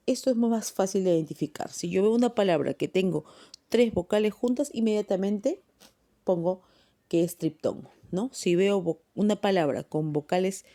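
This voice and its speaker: A woman's voice: lowish voice, dark tone. A woman teaching a grammar lesson, explaining patiently step by step and checking in with short tag questions. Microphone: phone voice recorder.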